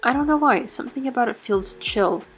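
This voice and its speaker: A woman who isn't a native English speaker chats casually about her bullet journal setup while fighting off a cold. Her voice is fairly high and her pace fairly quick, with soft music in the background. She uses lots of fillers and keeps correcting herself.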